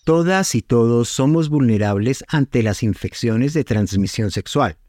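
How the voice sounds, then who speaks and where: Dark-toned male announcer, dry sound. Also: medium pitch, animated, measured pace, no room sound. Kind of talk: scripted public-service narration.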